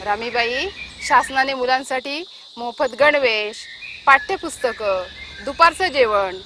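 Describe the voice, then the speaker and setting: A woman playing a patient village schoolteacher who speaks calmly and persuasively. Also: sits high, unhurried, a little hiss or hum. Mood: earnest. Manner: calm, earnest, persuasive.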